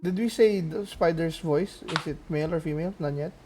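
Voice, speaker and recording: A man playing a tabletop game, chatting casually and asking questions in a halting, inquisitive way. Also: on the high side, crowd noise. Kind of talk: casual chat. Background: faint music.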